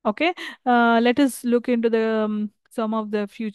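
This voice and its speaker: A woman's voice: on the high side, steady tone, a little mellow, smooth, no echo. Woman lecturer with an Indian accent. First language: Telugu. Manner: halting explanation, frequent "okay" checks and self-corrections. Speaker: English lecturer. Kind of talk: recorded university lecture.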